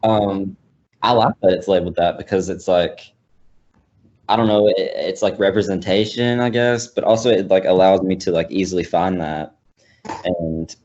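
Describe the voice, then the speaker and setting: Deep-voiced young man, hesitant and muffled. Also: steady tone, moderate pace, a little mellow. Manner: hesitant, lots of fillers and restarts. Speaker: college student panelist. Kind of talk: casual film discussion.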